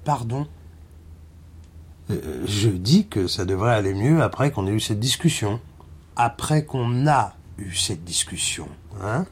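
An actor playing a pedantic adult clone in a radio drama, hesitant and nitpicking about grammar. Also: male voice, lowish voice, lively intonation, measured pace, pauses often, husky.

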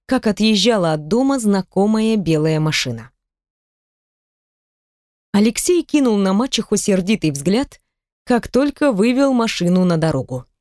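A woman narrating an audiobook in an expressive, varied reading. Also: medium pitch, dry recording, clean studio sound. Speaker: audiobook reader. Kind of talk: scripted narration.

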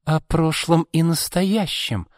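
A shrill, bitter woman hurls accusations in a high, strained voice that leaps and falls, as a man reading a story puts her on. She scolds without letup, spiteful and aggrieved, in a dry, close recording. The reading has the feel of a spoken storybook. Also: wildly swooping pitch, measured pace, no room sound, long reverb tail.

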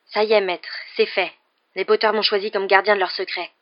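A woman's voice: mid-range voice, level tone, no echo, highs cut off, lightly acted. Woman voicing a servile, eager male traitor. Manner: eager, hurried.

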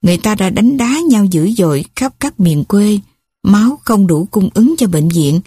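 A woman's voice: mid-range voice, lively intonation, moderate pace, warm tone, slightly rough, no echo, studio quality. A woman voicing a brusque, impatient male clinic clerk in an audiobook story, speaking curtly. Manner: curt, impatient.

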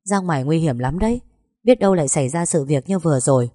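A woman reading a calm young policeman. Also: low voice, fast, no echo, studio quality. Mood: reassuring. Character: earnest young male police officer, steady.

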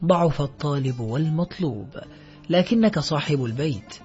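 A man voicing a calm old Sufi sheikh. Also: a little high, normal speed, natural voice. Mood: serene. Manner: gentle, sparing reproach. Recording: slightly dull recording, faint music.

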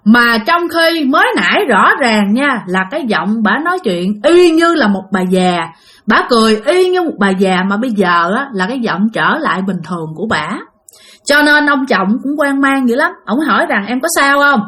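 A woman storyteller with a Southern Vietnamese accent, her voice sitting fairly high. She narrates a ghost story in a chatty, conversational way and keeps speaking directly to her listeners. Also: lively intonation, moderate pace, fairly bright tone.

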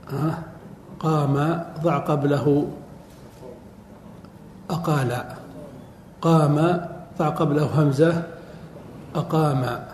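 A man teaching a classroom lecture, drawing out words slowly and quizzing his students. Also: fairly high pitch, a little mellow. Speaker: teacher of Arabic morphology. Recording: echoey hall with faint noise.

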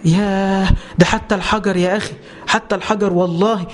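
A man's voice: high voice, fairly even intonation, a little fast, a little hiss or hum. A man with an Egyptian Arabic accent preaching a religious lesson, firing rhetorical questions and answering them himself with passion.

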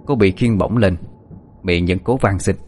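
Low-voiced male story narrator. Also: normal speed, a little mellow. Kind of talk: scripted narration.

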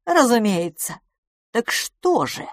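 A woman's voice: fairly high pitch, very animated, takes it slowly, dry recording, clean studio sound, voice pushed up. A woman voicing a brusque, jealous young suitor with a hot temper in an audiobook. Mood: indignant. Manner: brusque, challenging.

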